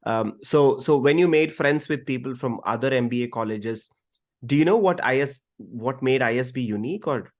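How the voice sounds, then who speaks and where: Man host, curious, hesitant questioner, mid-pitched. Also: normal speed. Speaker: podcast host. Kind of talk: casual interview chat.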